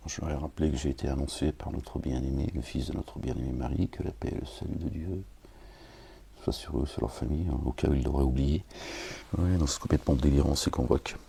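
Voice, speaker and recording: A French man with an extremely deep, gravelly, dark and husky voice first chats with listeners, grumbling and making wry asides directly to them. His tone stays steady as he then shifts into slow, measured, solemn scripture reading laced with Arabic invocations.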